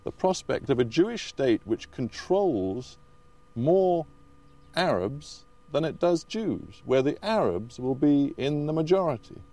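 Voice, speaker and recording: A man conducting a confrontational television interview, probing and challenging with deliberate, emphatic phrasing. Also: fairly high pitch, big pitch swings, mellow. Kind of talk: confrontational current affairs interview.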